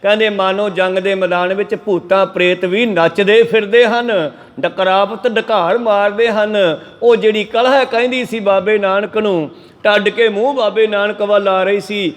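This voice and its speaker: A man's voice: sits high, steady tone, normal speed. A man preaching with a Punjabi accent, explaining scripture through folksy stories and acting out the animals in them. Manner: folksy storytelling, acts out quoted animals in shifting voices. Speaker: Sikh preacher giving katha. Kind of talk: storytelling sermon exposition.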